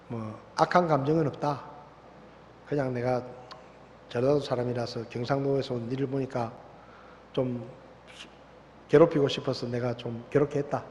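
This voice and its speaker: A pastor acting out a blunt young army senior. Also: male voice, sits high, a little hiss or hum. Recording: reverberant church hall.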